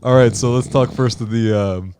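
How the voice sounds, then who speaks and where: A man's voice: medium pitch, moderate pace, dark tone, slight background noise. A man co-hosting a casual sports podcast, joking and laughing as he recaps scores. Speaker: podcast co-host.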